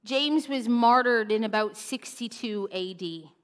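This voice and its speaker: A woman preaching a sermon, telling the story with animated expression and dropping to a hush for solemn points. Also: on the high side, measured pace. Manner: animated storytelling, acts out mocking voices, drops to a hush for solemn moments. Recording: long reverb of a church hall.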